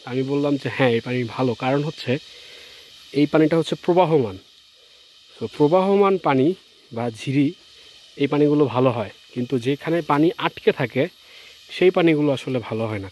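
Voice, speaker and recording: A man from Bangladesh narrating a casual travel vlog as he walks outdoors on rural trails, chatting and mixing in English words. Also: mid-range voice. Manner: chatty, relaxed commentary mixed with English words. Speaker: travel vlogger. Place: outdoors on rural trails, village and tea garden.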